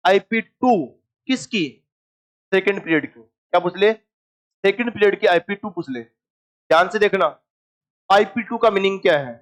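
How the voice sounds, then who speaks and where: A man teaches chemistry to a live class, speaking in a high, bright register. He keeps firing questions at the room and answering them himself, teasing shy students into speaking up. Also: dull audio. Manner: joking and coaxing with students. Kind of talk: classroom lecture.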